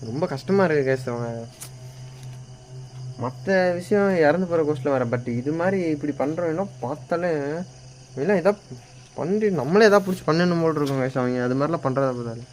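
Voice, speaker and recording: A man's voice: fairly high pitch, brisk, darkish tone, a little hiss or hum. A man ghost-hunting in an empty house at night, fearful and pleading as he calls out to a spirit.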